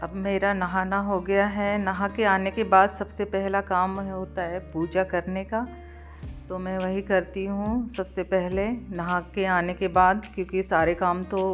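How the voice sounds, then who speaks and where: A hoarse woman with a slightly low voice talks slowly through her home chores and sewing. She explains each step plainly, with pauses and fillers along the way. Soft music plays faintly behind her. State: hoarse from a cold. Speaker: home vlogger. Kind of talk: casual voice-over narration of her daily routine and sewing.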